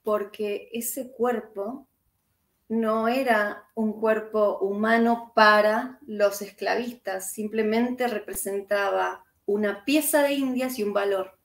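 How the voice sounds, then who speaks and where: Slow and fairly even in intonation, her mid-range voice carries a reverberant quality. The woman, an author and historian from Argentina with a matching accent, hesitates frequently as she reflects aloud in conversation with an interviewer.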